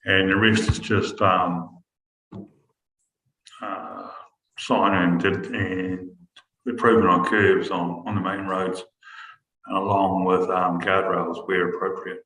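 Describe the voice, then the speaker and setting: A man's voice: deep voice, level tone, slow pace, pauses often, sharp tone, slight background noise. A man joining a meeting over a muffled remote call on a headset mic, explaining hesitantly with many fillers. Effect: muffled remote call audio over a headset mic. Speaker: council roading staff member joining remotely. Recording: echoey remote call line.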